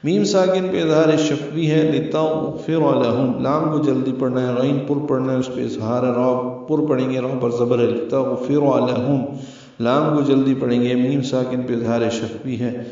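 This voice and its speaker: A man teaching Quran recitation rules in a tajweed lesson, slowly and deliberately spelling out letter sounds. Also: medium pitch, steady tone, warm tone. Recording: very echoey, distant, dull lo-fi.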